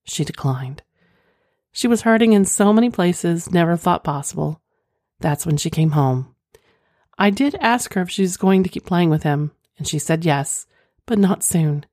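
Woman, lower-pitched voice, candid flirtatious manner, podcast reading and chat, dry recording. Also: lively intonation, normal speed, a little mellow, no echo. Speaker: podcast host. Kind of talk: reading listener's story, then casual chat.

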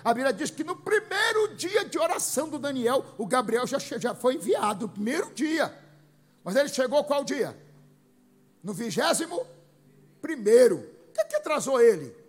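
A man with a Brazilian Portuguese accent, preaching a sermon as pastor, animated and rising to loud bursts. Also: extremely high pitch, normal speed, breathy edge.

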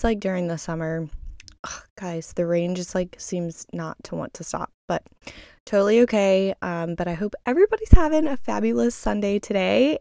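A young woman hosts a casual solo fitness podcast from inside a small closet. Her voice is slightly low and clean, with a close, very dry sound. She talks informally, chatting straight to her listeners like a coach. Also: a little mellow, clear, resonant tone, no room sound.

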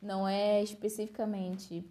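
A woman with a Brazilian Portuguese accent, hosting a podcast in expressive, exclamatory casual chat. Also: mid-range voice, normal speed. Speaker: podcast host.

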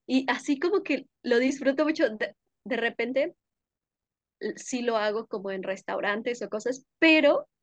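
A young woman speaking as an interview guest, her voice slightly high and recorded dry and close. She talks in a warm, gushing way, lingering on sensory details and breaking into easy laughter. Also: measured pace, dry recording. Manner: warm, effusive, sensory descriptions with frequent laughs. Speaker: podcast guest, workshop leader. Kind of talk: casual conversational interview.

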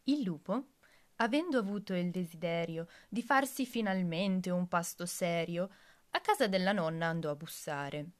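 A woman reading a rhymed story aloud as a storyteller, with a measured, expressive, rhythmic delivery. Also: fairly low pitch.

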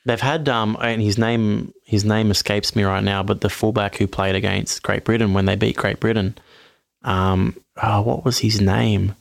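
A man's voice: on the low side, flat delivery, normal speed, gravelly, no room sound, studio quality. A man co-hosting a casual sports podcast, rambling and self-correcting, a little tipsy from wine. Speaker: podcast co-host.

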